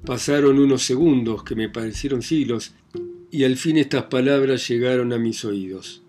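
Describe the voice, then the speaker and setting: Hushed, measured male audiobook narrator. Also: mid-range voice, soft background music. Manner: measured, dramatic, hushed reading. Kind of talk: scripted novel narration.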